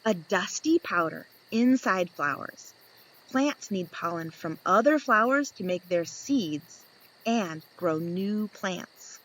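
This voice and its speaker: Here a woman reads a children's picture book at a slow pace, dwelling on each page, her intonation swooping with lively expression. She toys with the story and repeatedly asks the little ones questions. Her voice is medium-pitched, and the audio is poor.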